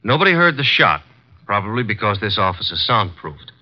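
In this muffled old broadcast, a 1950s radio drama actor plays a male assistant detective who is brisk, wry, matter-of-fact and full of wisecracks. The lowish voice is very animated.

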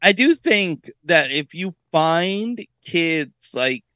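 A man's voice: on the high side, expressive, takes it slowly, bright, forceful tone, dry recording. A man co-hosting a radio show, cutting in with wisecracks in casual chat. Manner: wisecracking, dry interjections.

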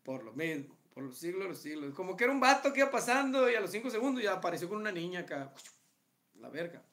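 Bright high-voiced Mexican man. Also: very animated, fast talker. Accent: Mexican Spanish. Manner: laughs often, reads aloud and jokes about the text. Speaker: podcast co-host reading listener stories. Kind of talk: casual comedic chat.

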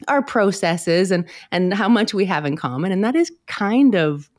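A woman with a creaky, slightly hoarse voice, chatting casually and playfully as a podcast interviewer. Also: mid-range voice, animated, normal speed, dry recording, clean studio sound. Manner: laughs easily, playful. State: hoarse from bronchitis. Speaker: podcast host.

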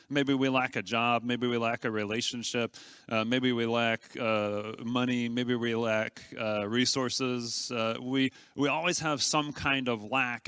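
Male pastor, conversational sermon, earnest, stammers and restarts, crisp forward tone. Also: mid-range voice, a bit bright, no room sound, studio quality.

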